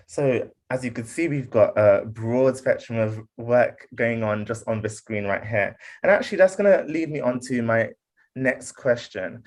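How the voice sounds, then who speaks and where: Man moderating an online panel. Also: medium pitch. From United Kingdom. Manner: friendly, with frequent fillers and restarts. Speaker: panel host. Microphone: video call.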